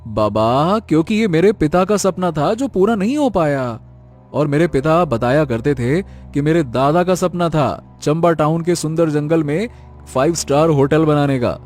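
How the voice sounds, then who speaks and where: Guy doing a pushy young hotel guy in an audio drama, higher than his usual voice, impatient, quick english words thrown in. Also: a little mellow. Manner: brisk, exasperated, uses English words. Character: young male hotel entrepreneur, impatient, determined.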